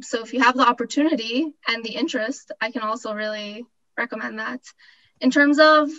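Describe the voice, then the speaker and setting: The recording is muffled as a woman from Costa Rica, a graduate student in her twenties, enthusiastically and informally describes her experience at an online info session. Her voice runs on the high side, bright and forceful.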